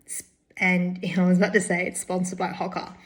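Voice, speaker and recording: A woman's voice: lowish voice, monotone, fairly quick, no room sound, low-quality recording. A woman, chatting casually to camera as a running vlogger, upbeat and self-encouraging. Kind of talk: casual vlog chat to camera. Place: outdoors and in a car after a run.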